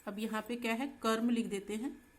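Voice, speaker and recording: A woman teacher going through textbook exercises with students in a slow, patient way, often checking in as she goes. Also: fairly high pitch, fairly even intonation. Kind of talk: Hindi textbook exercise lesson.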